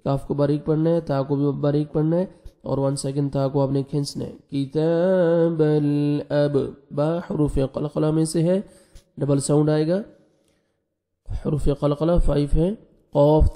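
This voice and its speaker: A man teaching tajweed, spelling letters quickly and then reciting each word slowly and drawn out. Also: a little high, warm tone. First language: Urdu. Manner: alternates rapid explanation with slow drawn-out recitation.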